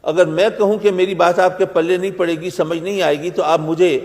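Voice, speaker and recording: A man's voice: high voice, steady tone, darkish tone. A male religious scholar delivering a sermon, building long chains of parallel rhetorical phrases and reciting verses in Arabic. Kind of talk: Urdu religious lecture. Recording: long hall reverb.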